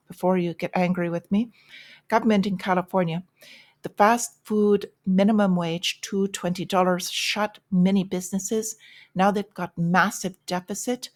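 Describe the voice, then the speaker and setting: A woman hosting a market and news commentary show, opinionated, with sarcastic asides and frequent fillers. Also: lowish voice. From United States.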